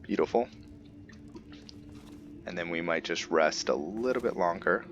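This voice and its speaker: Speaking at a measured pace in a low voice, this man hosts a gaming video and offers off-the-cuff commentary, thinking out loud to himself in a tentative way. The sound is muffled and background noise is clearly audible.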